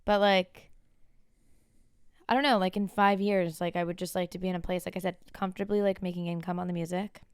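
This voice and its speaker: A young woman, a musician co-hosting a podcast, chatting casually, full of "like" and quick laughs, close on a studio mic. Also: fairly low pitch, fairly even intonation, clean tone, dry recording. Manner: chatty, laughs often, lots of "like" fillers. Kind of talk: casual chat. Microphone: studio dynamic mic, spoken into closely.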